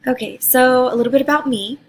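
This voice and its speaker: A Costa Rican teacher in her thirties reads an earnest introduction video for a graduate course, partly from prepared answers and with some ums. Her voice is high and brisk, with a little hiss or hum in the audio.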